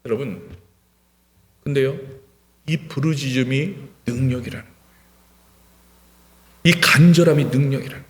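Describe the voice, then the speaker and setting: A male pastor preaching an impassioned sermon in a church, repeating words for emphasis and swinging from hushed to shouting. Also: mid-range voice, moderate pace, long pauses. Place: church sanctuary. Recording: reverberant church hall.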